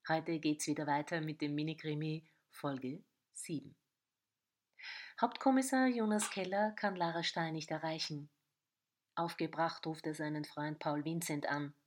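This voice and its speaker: A woman's voice: low voice, fairly even intonation, a little slow. A woman narrating a short crime story in episodes, reading the dialogue in varied voices. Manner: reads dialogue in varied voices, some whispered.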